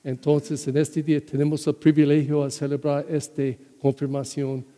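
Priest preaching in a reverberant church. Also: male voice, on the high side, normal speed. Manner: animated storytelling, acting out little scenes. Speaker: parish priest. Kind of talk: sermon.

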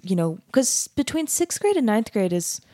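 A woman interviews an artist in an easygoing chat, her voice dark and mellow. She speaks gently and hesitantly, often pausing on fillers. The recording is dry and close. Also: fairly high pitch, big pitch swings, no room sound. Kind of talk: conversational interview.

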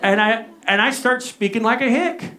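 A man's voice: very high-pitched, normal speed, bright, forceful tone. A man preaching a sermon as a pastor, emphatic, leaning on rhetorical questions and repetition. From Arkansas, United States.

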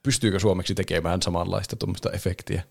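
This podcast host's deep, gravelly voice holds a steady tone as he chats casually about a film. He laughs often and now and then does impressions of voices.

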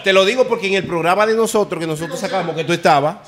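A man's voice: sits high, racing, very noisy. A man from the Dominican Republic with a Dominican accent, talking as a guest on a casual podcast, emphatic and repeating words as he builds his points. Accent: Dominican Spanish.

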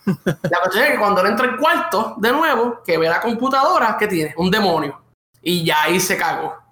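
A man tells a story in a casual, animated way, swearing freely. His voice is bright and forward. The room around him is echoey. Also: high-pitched, moderate pace. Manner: animated, swearing, laughing narration.

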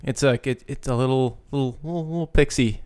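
A man's voice: mid-range voice, a little fast, darkish tone, clean tone. A man co-hosting a podcast in casual chat, rambling and jokey, repeating words as he goes. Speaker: podcast co-host.

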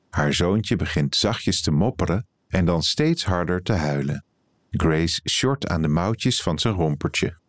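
A man, an editor, reading a written reportage aloud in calm, even scripted narration. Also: low-pitched, no room sound.

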